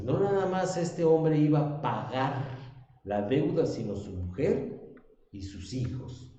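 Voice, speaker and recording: A man's voice: medium pitch, mellow, slight background noise. A man teaching a Sunday school Bible lesson, reading scripture aloud and asking the class questions. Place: church classroom. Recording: echoey, dull church room recording.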